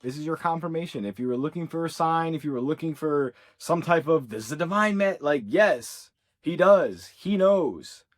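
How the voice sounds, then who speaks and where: An ascension coach with a fairly high, expressive voice delivers a channeled reading to his viewers at a moderate pace. He's earnest and reassuring, speaks casually with plenty of "like" and "yeah", and keeps returning to his key points.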